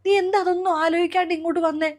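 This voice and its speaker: A woman's voice: extremely high pitch, level tone, very fast. A woman playing a middle-aged mother who wails and scolds over her son, in a web series drama. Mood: scolding. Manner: wailing, emotional lament.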